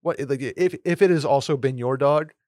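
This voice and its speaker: A man co-hosting a casual advice podcast, talking in a relaxed, agreeable way. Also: medium pitch, normal speed, no room sound, clean studio sound. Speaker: podcast co-host.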